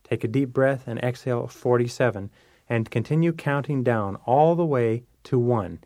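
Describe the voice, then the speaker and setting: A man's voice: mid-range voice, moderate pace, dark tone, no echo. A man giving a self-help lecture, coaching listeners in an emphatic, repetitive way. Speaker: motivational speaker.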